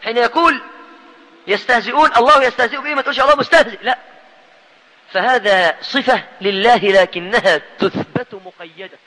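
A man's voice: very high-pitched, brisk, bright, forceful tone, big-room sound, poor audio. A man with an Egyptian Arabic accent preaching a teaching sermon, emphatic, repeating key points and quizzing his listeners.

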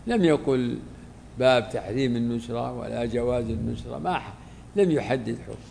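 A man teaches a religious lesson as a sheikh, unpacking the text he has just heard read. His voice is rough and gravelly, and he halts and repeats words as he explains. A faint noise sits in the background. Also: mid-range voice, fairly quick, a little mellow.

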